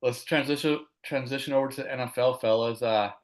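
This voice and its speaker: A man's voice: medium pitch, steady tone, brisk. A man hosting a casual sports talk show, easygoing as he moves the talk from topic to topic. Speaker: host.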